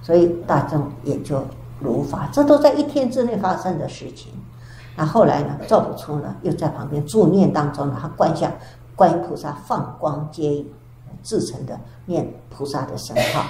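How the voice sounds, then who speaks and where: An older woman, a Buddhist nun, giving a storytelling dharma lecture with drawn-out sentence particles. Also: sits low, expressive, mellow. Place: temple lecture hall. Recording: echoey hall with faint background hiss.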